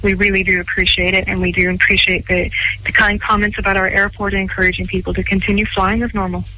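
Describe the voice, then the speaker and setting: A woman's voice: mid-range voice, level tone, fast talker, sharp tone, slight background noise, low-quality recording. A Canadian woman working as an airport commercial officer, answering a radio host's questions politely and informatively, with a light laugh. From Canada, Vancouver Island. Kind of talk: phone-in interview on radio.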